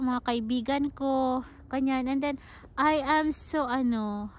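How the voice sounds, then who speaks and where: Chatty heartfelt woman, slightly muffled outdoors. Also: a little high. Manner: heartfelt, chatty, mixes English into her talk, laughs often. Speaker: vlogger. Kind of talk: casual personal vlog talk. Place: outdoors at a snowy dog park. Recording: slightly dull, faint outdoor noise.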